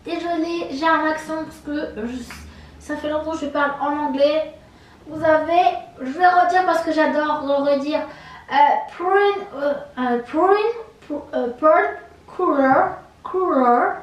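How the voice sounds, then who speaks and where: A woman with a very high voice presents makeup shades one by one, pausing on fillers and repeating each name. She sounds set back from the mic in a strongly echoing room. Her delivery is slow and halting. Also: far from the mic. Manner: hesitant, many fillers, repeats colour names. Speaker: makeup vlogger. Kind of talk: casual product show-and-tell. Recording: roomy echo, from off the mic.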